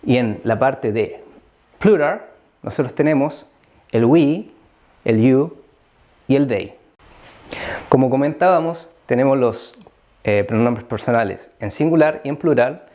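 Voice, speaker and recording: Chilean guy teaching english grammar, slow and patient, lots of ehs, mid voice. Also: medium pitch, expressive, mellow. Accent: Chilean Spanish. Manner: slow and explanatory with frequent fillers. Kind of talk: explaining a grammar lesson.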